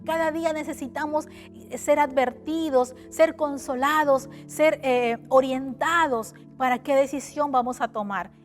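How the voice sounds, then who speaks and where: Female preacher with a high voice, earnest, mimics grumbling churchgoers, faint music underneath. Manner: earnest, acts out complaining voices. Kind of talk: online church sermon.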